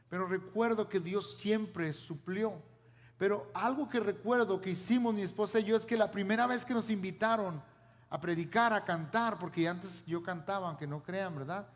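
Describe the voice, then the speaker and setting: Mexican-born male pastor, high voice, sermon in a reverberant church hall. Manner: preaching with rhetorical questions to the congregation.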